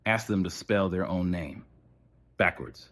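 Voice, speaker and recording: In a low voice with a fairly bright tone, a man narrates scripted horror styled as an official emergency broadcast. His delivery is formal, measured and ominous.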